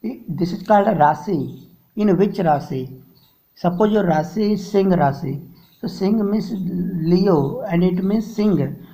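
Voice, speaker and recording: A man with an Indian English accent teaching a story lesson, reading a line and then explaining the words simply, with frequent pauses and fillers. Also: sits high, mellow, poor audio. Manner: reads a sentence then glosses words in simple terms, halting with fillers.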